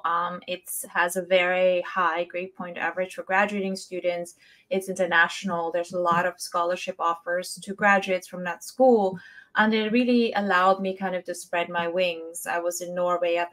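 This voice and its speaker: A woman, telling her own story conversationally as an interview guest on a video call. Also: fairly low pitch. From Austria. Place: indoor room, video call. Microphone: wireless earbuds on video call.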